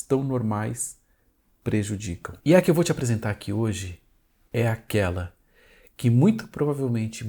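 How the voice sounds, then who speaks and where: A man gives a direct-to-camera talk on family communication. His voice is gravelly, husky and dark, and he builds his points from short phrases that repeat and address the viewer directly. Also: mid-range voice.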